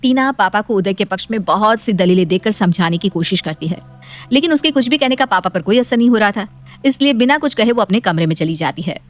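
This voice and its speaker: List: woman, storybook narrator, scripted bedtime story, even delivery, mid pitch, faint music. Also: fairly quick.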